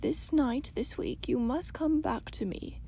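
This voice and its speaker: A woman reading as a gentle ancient grandmother. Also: high voice, unhurried, a little hiss or hum. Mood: solemn. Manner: soft, hushed, half-whispered.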